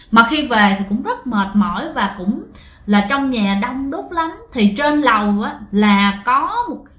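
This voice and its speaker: A woman's voice: on the high side, a bit bright. Chatty Southern Vietnamese woman storyteller. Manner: chatty, addresses listeners directly. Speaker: ghost story narrator. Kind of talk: casual storytelling to listeners. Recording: roomy echo.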